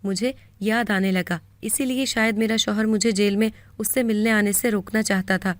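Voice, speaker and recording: A woman with a Pakistani Urdu accent narrating a first-person moral story in a steady, earnest way. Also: medium pitch, no echo.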